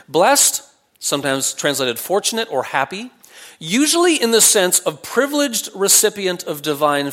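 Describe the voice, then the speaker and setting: A preacher teaching scripture in an expository way, his voice pitched fairly high. He reads verses aloud and unpacks them conversationally, asking questions and then answering them himself, moving between emphatic lines and softer asides.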